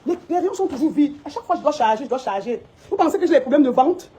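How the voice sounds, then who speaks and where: A woman's voice: sits high, animated, fast, dark tone, low-quality recording. A woman who owns a shop, giving a heated, scolding monologue to her followers and repeating her points indignantly. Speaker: shop owner vlogging.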